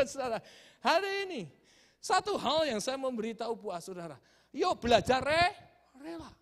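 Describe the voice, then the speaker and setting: High, lively-voiced preaching man. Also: unhurried. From Java, Indonesia. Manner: animated, swings from shouted hallelujahs to hushed asides. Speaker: pastor. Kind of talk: humorous storytelling sermon. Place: church sanctuary. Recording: long church-hall reverb.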